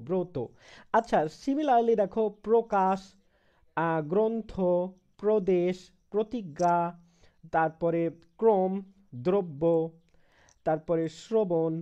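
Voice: mid-range voice, warm tone, muffled recording. Patient Bangladeshi teacher, repetitive lesson. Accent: Bangladeshi Bengali. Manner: patient, repeats examples, mixes in English words. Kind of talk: online grammar lesson.

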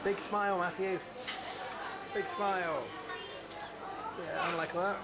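A woman filming her small child and gently coaxing him to smile for photos in a busy restaurant. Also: lowish voice, steady tone, slow pace. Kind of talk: casual family video narration. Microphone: handheld camera. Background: crowded restaurant chatter.

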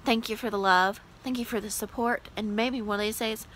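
Bright, gushing young woman vlogger. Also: a little high, steady tone, fairly quick, slight background noise, rough recording. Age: 20s. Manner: chatty, gushing, many "like" fillers. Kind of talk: casual vlog chat to camera.

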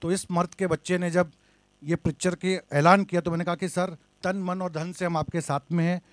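A man's voice: sits high, flat delivery, normal speed, no room sound. A man speaking fervently in support at a press conference, combative and declarative. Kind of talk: impassioned speech.

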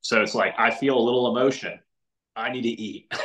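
On a relaxed video call from a windowed room at home, a middle-aged podcast guest talks earnestly in a brisk, medium-pitched voice with a fairly bright tone. His speech is full of fillers and restarted sentences, and the audio carries a roomy echo.

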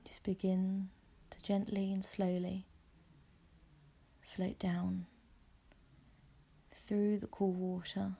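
Speaking in a soft, breathy, husky voice of medium pitch, a woman guides a visualisation meditation. Her delivery is gentle and calm, with measured, soothing phrasing.

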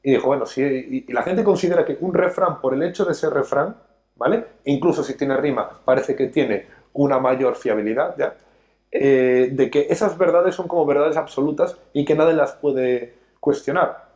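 A man who hosts a show and teaches finance lectures with emphasis from a studio sofa, gesturing often through the talk show discussion. He speaks at a moderate pace in a somewhat mellow voice on the high side.

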